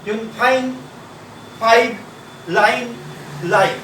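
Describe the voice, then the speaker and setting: A man teaching shorthand in a classroom style, pausing and repeating words as he writes out examples. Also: very high voice, steady tone, bright, forceful tone, a little hiss or hum. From India. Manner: halting, repeats words while writing. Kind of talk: classroom lesson. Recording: echoey room, mic far off.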